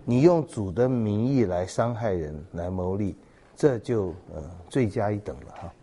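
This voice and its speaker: A man giving a Bible teaching sermon, reading scripture and explaining it in a measured way, with fillers and repeated words. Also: lowish voice, lively intonation, mellow. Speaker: preacher.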